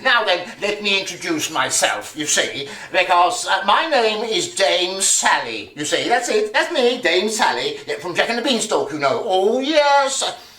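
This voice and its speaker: A chatty pantomime dame, played by a man, giggles and fusses while coaxing the audience to call back. The voice bounces all over its range and has a bright, forceful edge. It sounds distant, in a roomy hall. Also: high voice, exaggerated voice. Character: bubbly pantomime dame, a man in a woman's role. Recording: roomy hall, mic far off.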